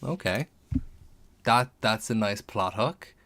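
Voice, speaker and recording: Man, fairly low voice, casual live-stream chat, thinking aloud, replying to viewer comments. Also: animated, takes it slowly, fairly bright tone, a little hiss or hum. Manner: thinks aloud, musing over options; chats back to viewers' comments. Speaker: streamer making a tabletop game character.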